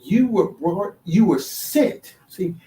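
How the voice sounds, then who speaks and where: A man hosting a solo talk show, halting with many restarts, then building to emphatic, sermon-like declarations. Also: sits high, lively intonation, dark tone. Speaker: podcast host. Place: DC, Maryland, Virginia area. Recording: echoey room, voice far from the mic.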